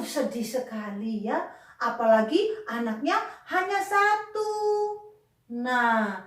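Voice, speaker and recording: Woman, Sunday school teacher, high voice, gentle coaxing questions to children, echoey room, soft music behind. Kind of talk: children's Bible lesson, talking to children.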